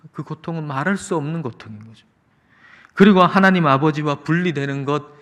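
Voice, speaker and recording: A male pastor delivers an earnest sermon in a fairly high voice. His words ring out with a long echo through the church sanctuary. He pleads and explains, lifting his voice on quoted cries. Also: a bit bright. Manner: earnest preaching, voice rising on quoted cries, slow drawn-out singing.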